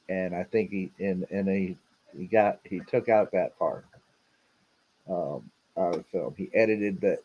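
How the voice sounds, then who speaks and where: Guy on a livestream talking over clips, kinda low voice, rambly and chatty. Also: muffled recording. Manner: chatty, rambling, reacts to clips as he plays them. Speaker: show host. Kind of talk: casual livestream commentary.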